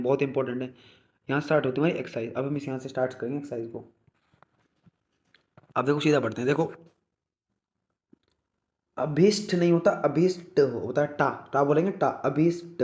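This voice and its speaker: A man's voice: on the high side, a little mellow, reverberant, dull audio. A man teaching a spelling lesson for exam prep, repeating words and checking in again and again. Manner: repeats words, keeps asking "okay brother?".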